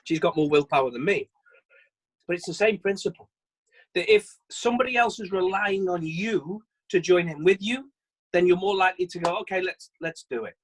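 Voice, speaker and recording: Chatty male sales trainer on a video call, bright high voice, self-deprecating. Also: moderate pace, poor audio. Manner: chatty, self-deprecating, repeats and restarts phrases. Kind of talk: virtual training session.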